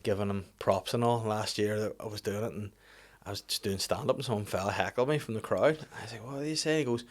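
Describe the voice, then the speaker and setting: A Northern Irish man with a lowish voice rattles through stories at high speed. He has the casual, sweary delivery of a stand-up comic chatting on a podcast, animated and happy to mock himself. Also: quick pace. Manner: animated storytelling, sweary, self-deprecating. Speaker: stand-up comedian.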